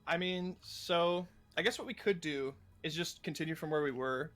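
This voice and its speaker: A man's voice: fairly high pitch, normal speed, a bit bright. A man chatting casually with a friend while they play a game, laid-back and often chuckling. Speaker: gaming guest. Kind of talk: casual gaming chat.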